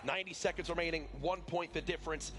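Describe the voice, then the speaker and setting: A man doing play-by-play esports commentary, excitable and building to shouts at big moments. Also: fairly high pitch, fast. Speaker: esports caster.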